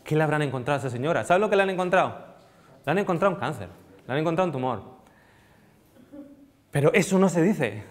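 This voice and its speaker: Hombre animado dando un seminario en sala. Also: male voice, on the high side, quick pace, pauses often, big-room sound. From Spain. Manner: animated, asks the audience questions, gestures a lot. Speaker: nutrition lecturer. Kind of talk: live seminar talk to an audience. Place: small lecture room with a seated audience. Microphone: lapel mic.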